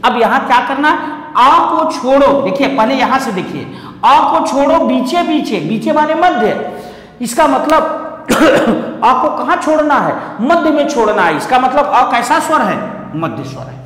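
A man's voice: extremely high pitch, very animated, moderate pace, a bit bright. A man teaching an online exam coaching class. He explains step by step, repeats memory rhymes and asks his students questions. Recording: echoey classroom reverb.

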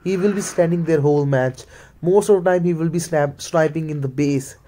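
This man's voice sits on the high side, warm and at a moderate pace, with a little background noise. He's a gaming video creator with an Indian accent who grew up speaking Hindi and Punjabi, muttering offhand commentary on his game and drifting into Hindi.

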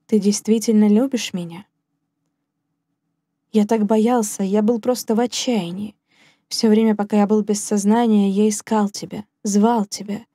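A woman reading as a young nobleman in love, tender and pleading, in a warm, mellow voice. His lines come in a storybook reading, recorded close and dry. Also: mid-range voice, steady tone, unhurried, no room sound, lightly acted. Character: passionate young male nobleman, tender lover.

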